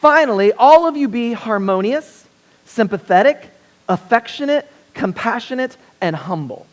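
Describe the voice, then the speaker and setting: A man's voice: extremely high pitch, lively intonation, moderate pace. A young male pastor preaching a chapel sermon in a conversational, joking way, often checking in with the congregation. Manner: conversational, self-deprecating humor with frequent "right?" asides. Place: university chapel.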